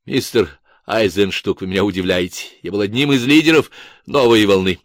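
A man's voice: lowish voice, moderate pace, dry recording, studio quality, close to an everyday voice. A man voicing an agitated male artist confessing and justifying himself in a radio interview. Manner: agitated, self-justifying, emphatic.

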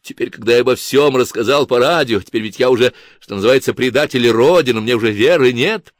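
A man's voice: medium pitch, quick pace, no room sound, lightly acted. A man voicing an agitated male artist confessing and justifying himself in a radio interview. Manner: agitated, self-justifying, emphatic.

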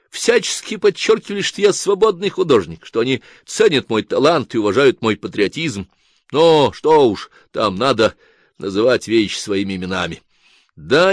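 A man's voice: medium pitch, no room sound, studio quality. A man voicing an agitated male artist confessing and justifying himself in a radio interview. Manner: agitated, self-justifying, emphatic.

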